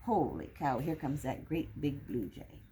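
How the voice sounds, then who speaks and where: With a very deep, warm voice, big pitch swings and a slightly slow delivery, an older woman reads a picture book aloud to small children in teacher fashion, counting along and offering simple explanations. The noisy recording, with clicks, comes from an indoor classroom with wooden furniture.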